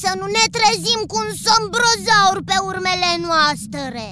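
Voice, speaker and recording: A voice actor playing a bossy young space defender in a cartoon, giving quick orders. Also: extremely high pitch, expressive. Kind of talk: cartoon voice acting.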